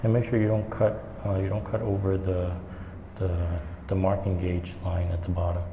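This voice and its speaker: A man giving a hands-on woodworking tutorial in an echoing stairwell, explaining step by step in a casual, halting way. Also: low-pitched, flat delivery, narrow, tinny audio. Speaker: woodworking instructor. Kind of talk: hands-on tutorial, talking while working. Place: indoor staircase with strong echo. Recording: echoey stairwell, long reverb, background noise.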